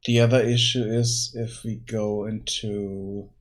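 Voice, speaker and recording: A tired man casually thinking aloud while working on his game during a live stream, pausing and restarting often. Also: on the low side, level tone. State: tired, yawning.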